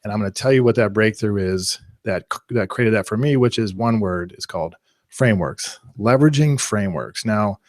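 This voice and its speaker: A man presenting a live online marketing class, talking in an energetic, conversational way with analogies. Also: fairly low pitch, fairly quick, dry recording, studio quality. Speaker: webinar presenter.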